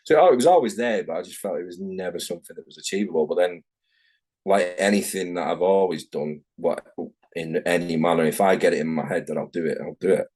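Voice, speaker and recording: Speaking at a quick pace, a middle-aged tattoo artist from Manchester, England, has a low, slightly mellow voice and a Manchester English accent. He's a guest in a casual interview over video call, where he rambles, talks frankly and often stops to correct himself.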